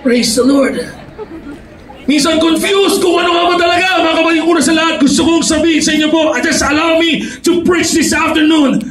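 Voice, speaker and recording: A man with a Filipino accent preaching a youth sermon, often shouting and calling for amens, switching between English and Tagalog. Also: very high voice, brisk. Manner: shouting, calls for amens from the crowd; mixes English and Tagalog mid-sentence. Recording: echoey hall, voice far from mic, crowd and noise.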